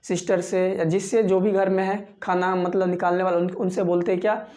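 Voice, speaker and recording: Man, online English teacher, mellow tone, slow repetitive drilling. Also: high voice, flat delivery. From Bihar, India. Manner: repetitive drilling, repeats phrases slowly for learners; constantly addresses viewers as friends. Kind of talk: online spoken English lesson.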